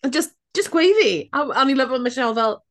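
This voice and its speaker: A woman with a South Wales accent and native Welsh, chatting casually and excitably as a sweary, giggly co-host. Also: sits high, fast talker. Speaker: co-host of a TV recap chat show. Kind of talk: casual bilingual chat.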